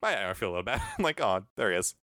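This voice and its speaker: Man, low voice, quick bright delivery, casual film talk, dry close recording. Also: big pitch swings, dry recording. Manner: fast, chatty, laughs often. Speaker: podcast co-host.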